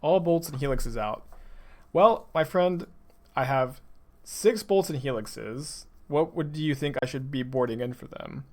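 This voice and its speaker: A young card-game streamer from Texas, USA, speaks with a mild urban Texan accent in a mid-range, slightly mellow voice at a measured pace. He thinks aloud and chats with viewers over gameplay in a dry, sarcastic, casual way.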